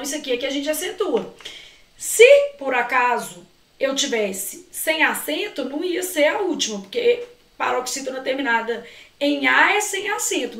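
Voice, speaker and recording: A woman's voice: high-pitched, a bit bright, echoey room, far from the mic. A Brazilian woman teaching Portuguese to exam students. She talks straight to the students, asks them questions and answers herself, and stretches out key words as she explains. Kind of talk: exam-prep lesson walking through questions.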